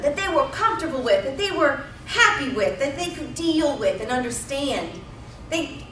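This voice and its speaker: A woman's voice: high-pitched, bright, forceful tone, recorded from a distance, a little hiss or hum. A woman in her thirties preaching a sermon as pastor, telling the story with emphatic repetition. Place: church sanctuary. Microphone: pulpit mic at a distance. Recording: roomy church sound from off-mic.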